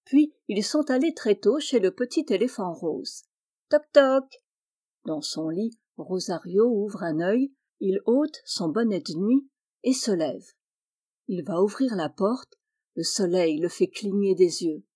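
A woman reading a children's story aloud, gentle and lilting, lifting her voice for the animal characters. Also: mid-range voice, animated, takes it slowly, breathy edge. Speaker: audiobook reader.

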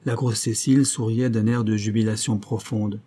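A man narrating a novel as an audiobook in a measured, even storytelling manner. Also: fairly low pitch, breathy edge.

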